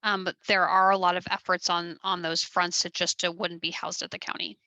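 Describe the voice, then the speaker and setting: A woman's voice: lowish voice, flat delivery, brisk, pushed and bright, no room sound. A woman working as a government staffer, giving a polite, careful, unscripted answer in an online question session.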